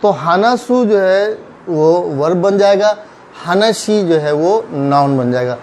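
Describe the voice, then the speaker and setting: Slow, patient male language teacher. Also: high-pitched, animated, darkish tone, a little hiss or hum, rough recording. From Pakistan. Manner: slow, patient, repeats words, checks in with "theek hai". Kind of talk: classroom kanji lesson.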